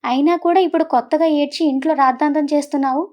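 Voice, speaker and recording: A woman voicing an angry, sullen grown son who shouts back at his mother. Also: sits high, steady tone, fast, lightly acted. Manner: shouting, harsh.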